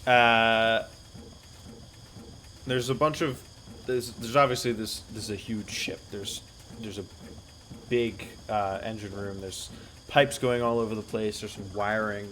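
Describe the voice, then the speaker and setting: Guy running a tabletop game, slow and kinda low-voiced, faint hiss in the background. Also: steady tone, a bit bright. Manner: slow, searching descriptions. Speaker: game master.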